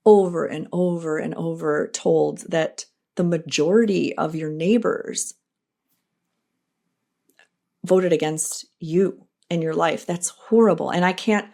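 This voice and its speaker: Middle-aged woman, podcast host, lower voice, earnest reflective monologue, animated asides.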